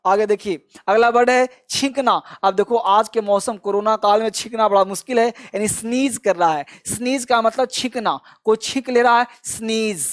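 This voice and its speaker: High-voiced man drilling vocabulary. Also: normal speed, hardly any pauses. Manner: repetitive drilling, prompting listeners to repeat after him; frequent encouraging praise. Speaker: teacher. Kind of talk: spoken vocabulary lesson.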